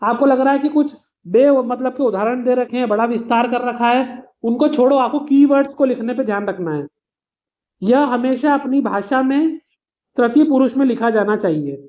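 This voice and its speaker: Soft-toned woman teaching an exam revision lesson. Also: on the high side, normal speed, highs cut off. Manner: explains patiently with simple everyday examples, addresses students as "beta".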